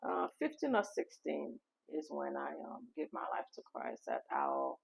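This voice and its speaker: A woman from Haiti, a memoir author, telling her story in a casual interview with reflective pauses and fillers. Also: low voice, wildly swooping pitch, creaky, breathy edge. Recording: dull lo-fi recording.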